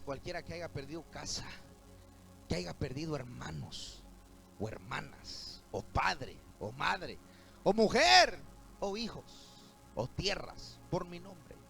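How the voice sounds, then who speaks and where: A man preaching a sermon to his church congregation, often rising to shouts. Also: medium pitch, gravelly, low-quality recording. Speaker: pastor. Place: church sanctuary.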